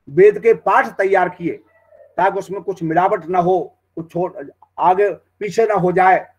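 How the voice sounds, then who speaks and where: A man lectures on Vedic recitation in a somewhat high voice. He explains pronunciation step by step, pausing with hesitant fillers, then chants Sanskrit verses slowly and carefully. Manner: explanatory classroom delivery with frequent hesitations. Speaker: Veda teacher.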